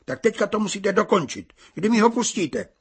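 A man voicing a brash, pushy young bride in a storybook reading, with a bold, teasing manner and a very husky voice. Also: sits high, expressive, pitched above the performer's own voice, heavily acted.

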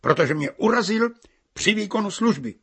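A man voicing a curt, stubborn young clerk in a storybook reading, with a husky voice. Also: high voice, lively intonation, a bit bright, voice pushed up, exaggerated voice.

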